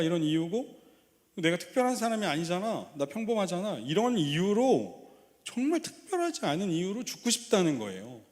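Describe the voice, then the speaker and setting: A man's voice: high-pitched, a little mellow. Male pastor preaching in a reverberant hall. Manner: conversational, fond of rhetorical questions to the congregation; laughs easily and tells light personal anecdotes. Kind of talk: sermon. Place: church sanctuary.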